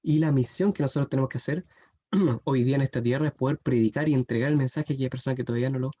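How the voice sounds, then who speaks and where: A man's voice: medium pitch, racing, warm tone, breathy edge. A young man preaching an earnest youth sermon, often checking in with his listeners. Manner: earnest, often adds "¿cierto?". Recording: dull muffled sound.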